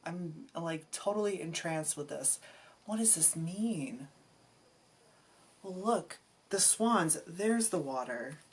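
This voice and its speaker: A low-pitched woman reads tarot cards aloud at an unhurried pace, searching for words and restarting her thoughts as she goes. Faint ambient noise sits behind her voice. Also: expressive. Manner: musing, halting, emotional, trails off and restarts. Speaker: tarot reader. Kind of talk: intuitive tarot reading.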